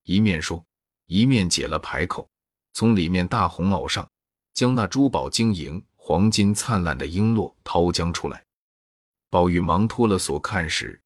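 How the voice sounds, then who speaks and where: A man reading a classic novel aloud as narrator, in a steady, even storytelling manner. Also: low voice, breathy edge, no echo, clean studio sound.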